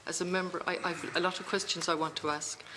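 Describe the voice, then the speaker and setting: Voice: mid-range voice, level tone, fast, crowd noise. A committee member with a west of Ireland accent, formally questioning a witness in an insistent, repetitive way. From Galway, Ireland.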